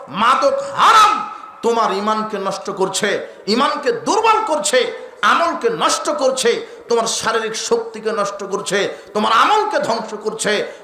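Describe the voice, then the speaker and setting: A man preaching a sermon, fiery and declamatory, building emphatic repeated lists and rising to shouts. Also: sits high, echoey room. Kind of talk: Bengali waz sermon.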